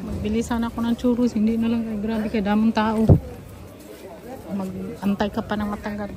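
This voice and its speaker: This woman's mid-range voice has a flat delivery at a moderate pace. She's a Filipino vlogger casually narrating as she looks around shops and a street market, referring to her companion as "Day." The recording is low quality, with crowd chatter behind her.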